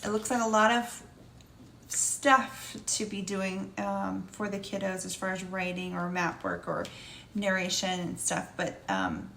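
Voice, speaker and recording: In an echoey room with faint background noise, a homeschooling mother gives an unscripted, casual vlog review of a curriculum. Her voice is medium-pitched, a bit bright, slightly scratchy and creaky, and she talks at an unhurried pace in a conversational, meandering way.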